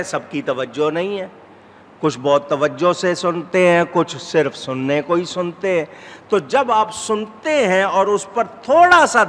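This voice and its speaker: A man's voice: on the high side, a bit bright. Man preaching in a reverberant hall. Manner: measured, rising to emphatic exhortation. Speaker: Islamic scholar. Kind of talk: sermon. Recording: hall reverb with faint background noise.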